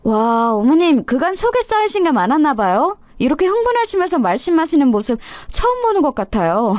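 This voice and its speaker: A woman's voice: high-pitched, big pitch swings, fairly quick, a little mellow, no echo. Woman doing a sneering young daughter-in-law. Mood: sarcastic. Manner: sarcastic, needling, smugly polite.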